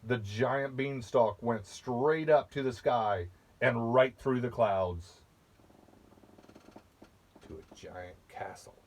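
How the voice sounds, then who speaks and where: A man reading a fairy tale aloud to children at a very unhurried pace. His voice sits at an ordinary middle pitch, and he stops now and then to chat about the pictures. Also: a little hiss or hum. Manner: slow, patient, with asides about the pictures. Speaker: storybook reader.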